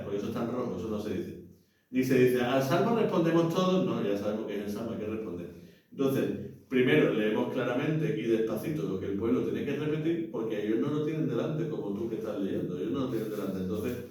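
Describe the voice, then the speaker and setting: A man instructing parish readers in a relaxed teaching talk, acting out the readings aloud and often checking that his listeners follow. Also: fairly low pitch. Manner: explains by acting out readings, frequent "¿vale?" and "¿no?" checks. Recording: very echoey room, mic far off.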